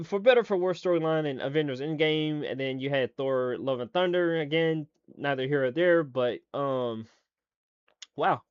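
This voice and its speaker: A man's voice: a little high, smooth, no room sound, dull audio. A man giving casual reaction commentary as a streamer, rambling with lots of fillers, restarts and swearing.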